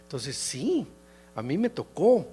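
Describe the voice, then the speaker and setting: A middle-aged man from León with a Mexican Spanish accent, giving a halting academic lecture full of hesitations and restarts. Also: a little high, very animated, dark tone, breathy edge. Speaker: keynote lecturer.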